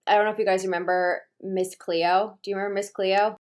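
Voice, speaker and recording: A woman's voice: medium pitch, level tone, fairly quick. A woman hosting a livestream, chatting casually and rambling with lots of "like". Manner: rambling, heavy use of "like". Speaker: livestream host.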